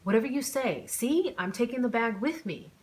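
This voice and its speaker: A woman's voice: fairly high pitch, expressive, normal speed, darkish tone, voice pushed up, lightly acted. A woman voicing a nervous, babbling young man eagerly asking a woman out. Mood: flustered eager. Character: flustered rambling young man, eager suitor.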